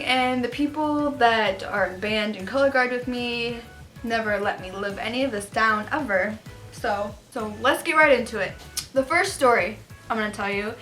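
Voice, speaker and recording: This storytime vlogger is a young adult woman whose voice sits on the high side with a fairly bright tone. She tells personal stories to camera casually and confessionally, in a chatty, gossipy, emphatic manner.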